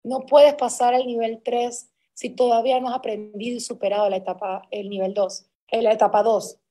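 A woman's voice: a little high, little pitch movement, normal speed, mellow. A woman giving an emphatic, repetitive motivational talk to a sales team as a conference speaker. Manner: emphatic and repetitive, building intensity.

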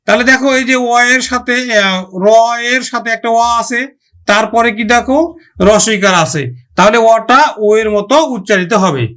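A man's voice: sits high, normal speed, bright, forceful tone. A male teacher giving a grammar lesson, addressing students with questions and sounding out example words syllable by syllable.

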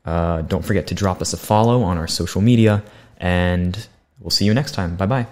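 In a small, bright studio, a young podcast host politely reads prepared questions to his guest for a student show. His deep, darkish voice moves at a moderate pace into a condenser mic on a boom arm, with a little hiss or hum audible.

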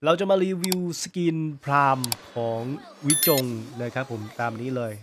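A man hosting a gaming channel, commentating his gameplay live with a sore throat from illness, breaking into rapid repeated exclamations. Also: mid-range voice, expressive, noisy background.

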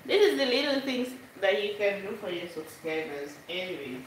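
A woman's voice: mid-range voice, sing-song, normal speed, echoey room, background noise. A woman chatting casually while she cooks live in her home kitchen, laughing often and slipping into Italian phrases. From Sierra Leone. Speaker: cooking vlogger. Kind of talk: casual live cook-along chat. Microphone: camera above the stove.

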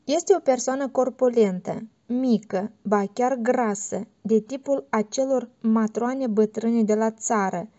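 A woman narrating literary fiction in a measured, steady audiobook reading, on a dull lo-fi recording. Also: a little high. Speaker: audiobook reader.

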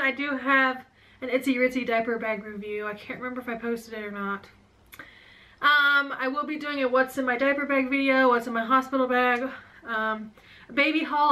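A woman's voice: a little high, sharp tone. A young woman in her twenties chatting to her camera in a bedroom at home, out of breath, rambling and jumping from thought to thought. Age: 20s. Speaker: vlogger. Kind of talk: casual chat to camera. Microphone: camera on a stand.

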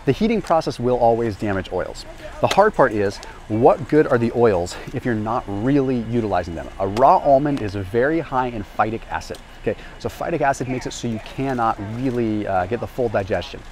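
Brisk and animated, a health and nutrition vlogger in his thirties speaks to camera in a medium-pitched, somewhat dark voice. He walks an aisle of a big indoor warehouse store, energetically explaining nutrition for an educational grocery walk-through, wearing a small lapel mic.

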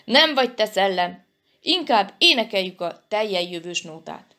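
A woman voicing a calm, self-assured anteater cub with a matter-of-fact manner. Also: medium pitch.

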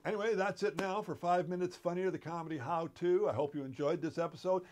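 A man's voice: high voice, steady tone, quick pace, a little mellow, slight background noise. Older man hosting a comedy how-to. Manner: conversational, emphatic, occasionally preachy. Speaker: host. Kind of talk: comedy how-to talk to camera. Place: home study with bookshelves.

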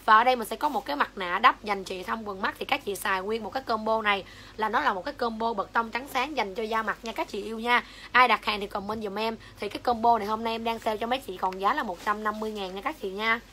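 A woman's voice: a little high, quick pace, bright, forceful tone, a little hiss or hum. A young woman with a Southern Vietnamese accent selling skincare on a livestream, switching between coaxing sales patter and foul-mouthed rants at commenters. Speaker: livestream seller.

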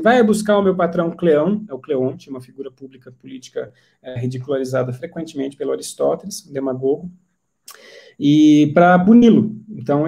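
Brazilian man, lecturer, somewhat high voice, casual explaining, slows for quotes. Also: gravelly, warm tone. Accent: Brazilian Portuguese. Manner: reads quoted lines in a slower, raised voice, casual asides. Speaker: university lecturer. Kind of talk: lecture reading and explaining a comedy.

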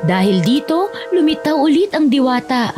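A woman narrator reading a children's story. Her voice sits a little high, and music plays clearly behind her. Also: very animated, normal speed.

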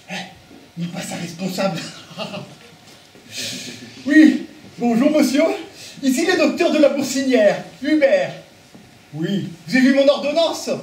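A man's voice: very high voice, a little mellow, a little hiss or hum. A man playing a pompous fake doctor. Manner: pompous and self-important. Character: boastful man faking a pompous doctor on the phone. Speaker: actor in the play. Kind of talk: amateur stage play. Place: theatre stage. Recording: echoey hall from far off.

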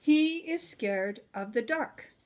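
A middle-aged woman with a fairly high voice reads a children's storybook aloud, expressive and deliberate for her young audience.

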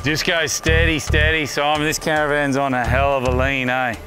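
A man's voice: medium pitch, little pitch movement, moderate pace. A man chatting casually outdoors, coaching in colloquial speech with "eh" tags. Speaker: off-road adventurer guiding a vehicle crossing. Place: outdoors at a bush creek crossing.

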